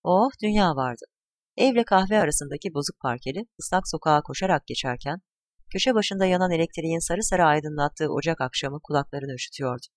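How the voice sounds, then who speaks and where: A narrator reading a literary short story aloud, telling it in a measured way and shifting a little for each character's lines. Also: mid-range voice, no echo, studio quality. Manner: measured storytelling, voicing grandchildren and wife with small shifts.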